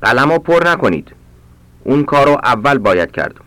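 A man reading short practice sentences aloud for language learners, slowly and with careful enunciation. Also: medium pitch, sing-song, bright, forceful tone, dry recording. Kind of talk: read-aloud Persian drill sentences for learners.

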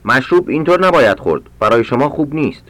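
A man reading short practice sentences aloud for language learners, slowly and with careful enunciation. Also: mid-range voice, sing-song, fairly bright tone, no echo. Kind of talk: read-aloud Persian drill sentences for learners.

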